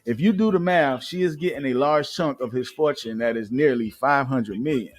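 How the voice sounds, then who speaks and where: With soft background music behind him, an Atlanta live-show host speaks in a mid-range voice at normal speed. His casual chat and news reading are loose, filler-heavy, and full of restarts.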